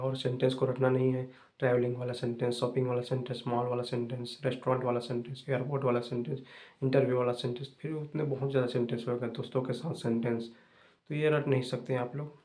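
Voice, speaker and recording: Speaking in a mid-range, warm voice with a level tone, a young man runs an English-learning channel. His advice to viewers comes fast, casual, and full of repetition.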